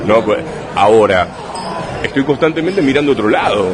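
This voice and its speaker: A man from Rosario with a Rosario Argentine Spanish accent, a writer, gives a relaxed interview in a bustling bar, speaking at medium pitch in an expressive but halting, thoughtful way full of restarts and tag questions. The recording carries noisy bar ambience, crowd chatter and passing vehicles from the street.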